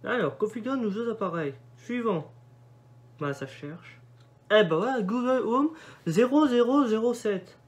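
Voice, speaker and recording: A man's voice: sits high, expressive, measured pace. A young man reading setup prompts aloud in a casual commentary, dropping offhand remarks as he goes. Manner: reads setup prompts aloud and mutters asides. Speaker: vlogger doing a device setup.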